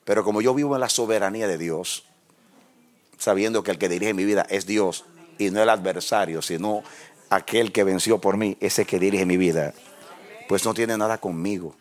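A man preaching a sermon, telling stories in an animated way that swings from quiet asides to shouting before a congregation. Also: on the low side, moderate pace.

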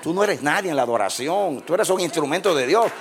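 A man preaching a sermon, his slightly high voice rising into impassioned shouts and dropping into hushed prayer. A faint congregation murmurs in the background. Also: lively intonation, fairly quick, a faint crowd.

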